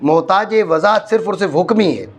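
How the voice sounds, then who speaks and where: A faint hiss or hum sits under this man's high, animated voice. He is a Pakistani teacher giving an Arabic grammar lesson, explaining in careful steps, repeating himself, and regularly checking his students' understanding.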